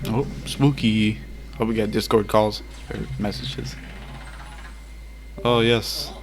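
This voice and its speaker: A man's voice: fairly low pitch, fairly even intonation, slow pace. A young man hosting a homemade video in casual, slangy chat with a friend. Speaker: video host.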